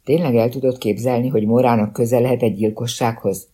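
A man's voice: medium pitch, fairly even intonation, dark tone, breathy edge, lightly acted. A man voicing an anxious, evasive middle-aged mother. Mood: guarded.

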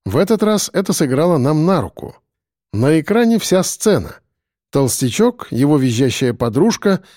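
Man, audiobook narrator, calm, steady, dry close sound. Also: a little high, dry recording.

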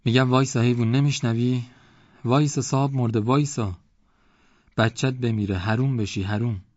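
A man's voice: mid-range voice, fairly even intonation, a little mellow, dry recording, pitched above the performer's own voice, natural voice. A man voicing a worn-out village woman who curses and scolds her cow, breathless and complaining. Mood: scolding. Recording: dull lo-fi audiobook recording.

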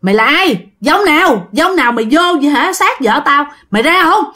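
A woman voicing an older husband who scolds forcefully. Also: fairly high pitch, expressive, quick pace. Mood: angry.

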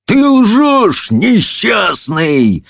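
A man's voice: medium pitch, sing-song, dry recording, studio quality, pitched above the performer's own voice. A man voicing a roaring, pompous old-fashioned judge. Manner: roaring, bullying, drawn-out shouts. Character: blustering pompous male judge.

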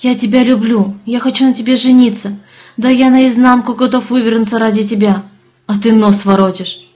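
A woman voicing a hot-tempered young Earthling man in love, speaking in forceful, growling outbursts. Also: a little high, fairly even intonation, moderate pace, close to an everyday voice. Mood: angry.

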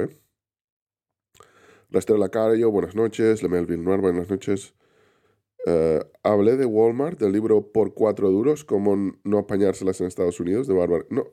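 Still unwell and getting over an illness, a livestream host talks at a normal speed in a deep, mellow voice. He rambles casually, reads viewer names aloud from chat to greet them, and frequently starts over.

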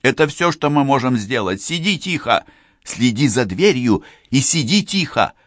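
A man's voice: mid-range voice, very animated, normal speed, a bit bright, no echo, studio quality, pitched above the performer's own voice. A man voicing a tough young female police officer, tense and commanding.

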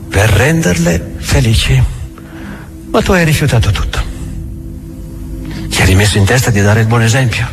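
An actor playing a bitter, accusing, imperious inquisitor in a theatrical monologue, deliberate and full of rhetorical questions. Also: male voice, on the low side.

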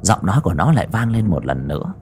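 A man narrating a horror audiobook in an expressive, dramatic storytelling style. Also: sits low, fast, background noise.

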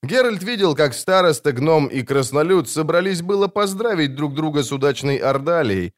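Мужчина-чтец, живая интонация. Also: male voice, on the high side, animated, normal speed. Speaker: audiobook narrator. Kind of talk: scripted narration.

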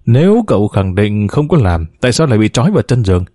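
A man's voice: lowish voice, big pitch swings, fast talker, dark tone, dry recording, clean studio sound. A man voicing a stern older man firmly questioning a young suspect. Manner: firm, interrogating.

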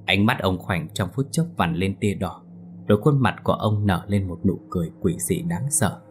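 A man's voice: sits low, moderate pace, a little hiss or hum. A man narrating a ghost story in a dramatic reading voice. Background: faint music.

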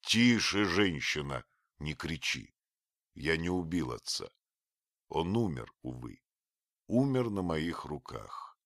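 A man voicing a weary, stern middle-aged man who speaks low and curt. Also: very animated, slow, gravelly, long pauses, fairly bright tone, no echo, studio quality, heavily acted.

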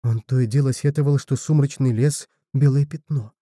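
A man voicing Hortensia, an anxious, excitable woman of a small folk who frets in breathless exclamations. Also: mid-range voice, fairly quick, no echo, clean studio sound, natural voice.

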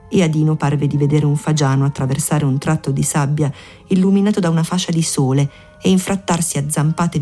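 A woman narrating a literary audiobook in a measured, even storytelling manner. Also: low-pitched.

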